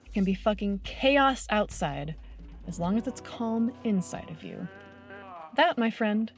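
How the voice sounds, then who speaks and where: A woman's voice: medium pitch, expressive, a little slow, faint music behind. A woman giving a brash, sardonic, heavily profane comedic reading of a modern paraphrase of old letters. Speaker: reader.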